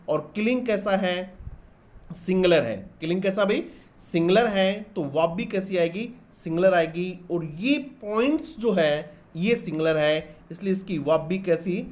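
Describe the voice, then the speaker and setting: A man teaching English grammar in a lesson. He explains step by step, asks questions and answers them himself, and spells words out letter by letter. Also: high voice. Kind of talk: classroom-style grammar lesson.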